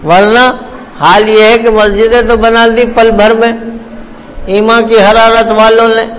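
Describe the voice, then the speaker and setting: A man preaching a sermon, telling a story with slow, emphatic pauses. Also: high-pitched, little pitch movement, a bit bright. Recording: long hall reverb, faint room noise.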